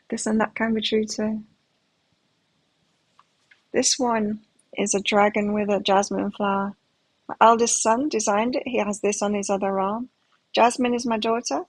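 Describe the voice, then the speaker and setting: A woman's voice: medium pitch, little pitch movement, moderate pace, pauses often, no room sound, low-quality recording. A middle-aged woman with a mixed British and Australian accent, chatting and musing aloud as she reads tarot cards live. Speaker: tarot reader. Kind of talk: live tarot reading chat.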